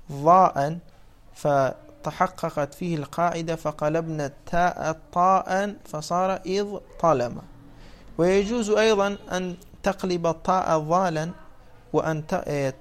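A man giving a classroom explanation, often asking students whether they follow and then answering his own questions. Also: fairly high pitch. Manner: asks the class questions and answers them himself; repeats points slowly and emphatically. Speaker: teacher of Arabic morphology.

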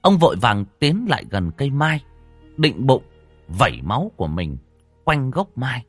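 A man narrates a ghost story with dramatic, expressive storytelling. His pitch swings widely as he builds the tension. The voice is close and dry, with faint music playing underneath. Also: measured pace, breathy edge, dry recording. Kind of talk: scripted horror story narration.

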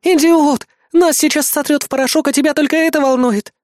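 Guy doing a screechy freaked-out young woman, loud and frantic, dry close audio. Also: very high voice, fairly even intonation, a little fast, no room sound, voice pushed up. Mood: panicked. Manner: shrieking and frantic. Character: panicky young female assistant, tearful and furious.

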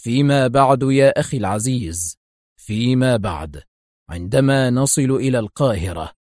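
A man reading the lines of a cool, stern male secret agent in an audiobook, calm and measured. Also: medium pitch, dry recording, clean studio sound, lightly acted.

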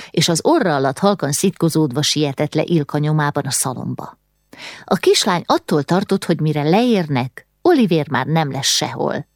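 A woman reads a novel aloud in a steady, measured storytelling voice. Her voice sits low for a woman. The recording is close and completely dry. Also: no echo. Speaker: audiobook narrator. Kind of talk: scripted narration of a novel.

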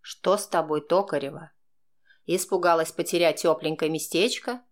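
A woman's voice: low-pitched, steady tone, normal speed, pitched below the performer's own voice, close to an everyday voice. A woman doing a smug, taunting young man. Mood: mocking. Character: brash mocking male student, young man.

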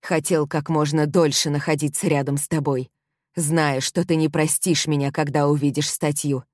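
Brief: woman reading a remorseful young man, low and urgent, dry close sound. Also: level tone, normal speed, darkish tone, no echo, close to an everyday voice. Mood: pleading. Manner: urgent, pleading. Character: young man, guilty pleading lover. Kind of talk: audiobook character reading.

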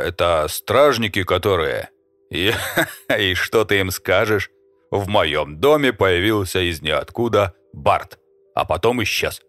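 A man's voice: low-pitched, fairly bright tone, no room sound. A man reading an audiobook, voicing a brash, greedy, rude alien trader who keeps drawling "eh". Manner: drawling, interjecting "eh", cheeky. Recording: dry close mic, faint music.

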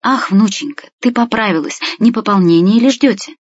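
A storyteller voicing a pious, fussy old grandmother who scolds and insists, raised in pitch, in a slightly dull recording. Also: normal speed, slightly rough, no echo, close to an everyday voice. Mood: scolding.

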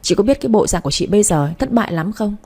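A woman voicing a spiteful young woman who taunts her older sister in a scornful, shrill manner. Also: animated, racing, mellow, breathy edge.

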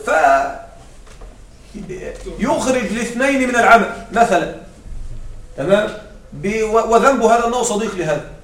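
A man's voice: high voice, slight background noise. A man teaching Arabic grammar to a class. He explains step by step and keeps asking the students whether they follow. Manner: explains step by step, often asks the class to confirm. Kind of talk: classroom lecture. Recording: echoey room, far from the mic.

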